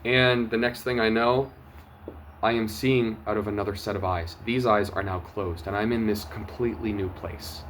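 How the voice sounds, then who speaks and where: Man, low voice, earnest personal testimony, emotional, urgent then hushed, faint background hiss. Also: fairly even intonation, moderate pace. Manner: earnest and emotional, swinging between urgent loud bursts and hushed quiet. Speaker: testimony vlogger.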